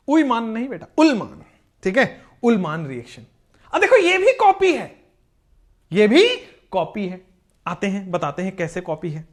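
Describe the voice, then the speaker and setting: Chemistry sir teaching live online, voice jumps all over, keeps joking with the kids. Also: male voice, high voice. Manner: animated, joking, talks to students as "beta". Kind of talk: live online class lecture.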